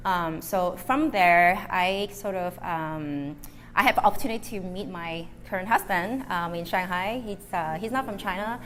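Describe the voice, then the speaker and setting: Hong kong woman chatting on stage, lots of ums, lowish voice. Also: moderate pace, a bit bright, a little hiss or hum. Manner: easygoing, many fillers and small slips in English. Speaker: guest speaker, marketing manager. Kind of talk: live interview before an audience.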